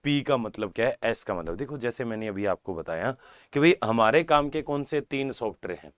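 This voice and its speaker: Dry-voiced computer teacher, repetitive. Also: male voice, medium pitch, lively intonation, brisk, no room sound. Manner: repeats key terms, checks in with "ठीक है", calls students "बेटा". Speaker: exam-prep computer teacher. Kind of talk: live online class lecture.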